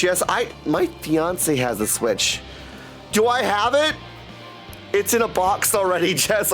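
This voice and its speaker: With music playing behind him, a man with a high, fairly bright voice hosts a game livestream. He's a voice actor and audiobook narrator who chats casually with his viewers, bouncing between replies and catchphrases.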